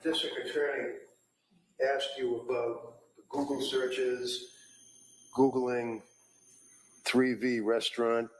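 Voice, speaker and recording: A man working as a defense attorney, cross-examining a witness in a courtroom recording, halting and repeating his words as he leads the questions. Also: mid-range voice, slight background noise, poor audio.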